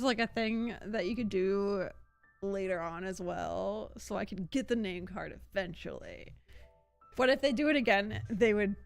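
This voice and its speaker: A young woman streams a video game, chatting informally and reacting with rambling, giggly energy. Her mid-range voice is gravelly and a bit bright.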